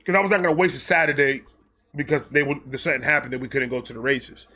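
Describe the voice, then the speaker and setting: A man hosting a storytime vlog, telling a personal story in a casual, animated and profane way, often restarting and repeating himself. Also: mid-range voice, fast talker. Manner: animated, profane and self-mocking, with frequent restarts and repeated phrases.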